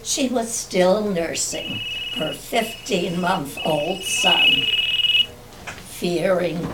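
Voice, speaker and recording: An older woman, a guest poet, reading her own poems aloud with a slow, measured recitation at a community club. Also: on the low side, recorded from a distance, heavy background noise.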